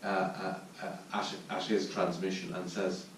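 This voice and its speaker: A man's voice: level tone, unhurried. Irish man teaching in an echoey hall. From Ireland. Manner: reflective, searching for words, low-key. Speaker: Zen teacher giving a dharma talk. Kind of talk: dharma talk at a retreat. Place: meditation hall at a retreat centre. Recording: distant mic in a very echoey room with faint noise.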